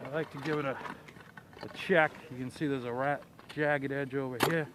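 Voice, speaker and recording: A man explaining a fishing technique in a casual, halting, hands-on way outdoors. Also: medium pitch, steady tone. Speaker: ice fishing guest demonstrating technique. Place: outdoors on a frozen pond. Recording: noisy outdoor location sound.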